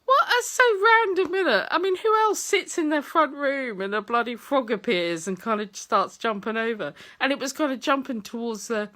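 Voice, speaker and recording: A woman's voice: high-pitched, normal speed, few pauses, sharp tone. A woman telling a story to camera from her front room at home, laughing often and swearing freely. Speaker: vlogger.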